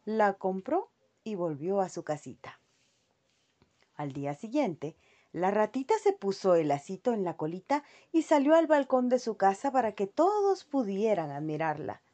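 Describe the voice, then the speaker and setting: A woman reading a children's fairy tale aloud to a child in an expressive, lively storytelling voice. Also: medium pitch, moderate pace. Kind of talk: reading bedtime stories aloud.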